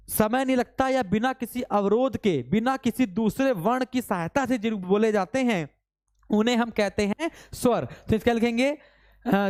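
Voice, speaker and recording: Smooth-voiced male Hindi teacher quizzing students. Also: very high voice, a little mellow. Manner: keeps quizzing students with quick repeated questions; urges students to answer fast, mock-scolding. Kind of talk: live online class lecture.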